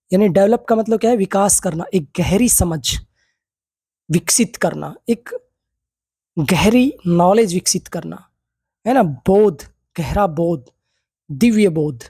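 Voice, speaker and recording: A man teaching a yoga theory class. He reads English text slowly, then explains it in Hindi, often checking in with tag questions and asking his students rhetorical questions. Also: sits high, expressive, warm tone, husky, no echo, studio quality. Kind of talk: lecture.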